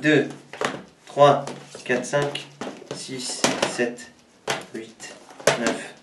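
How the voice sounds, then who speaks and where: A man's voice: medium pitch, fairly even intonation, drawn-out words. A man with a southern French accent, chatting casually and counting aloud as he shows a pile of games. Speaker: flea market video host. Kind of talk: casual live unboxing chat. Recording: echoey room, far from mic, noisy.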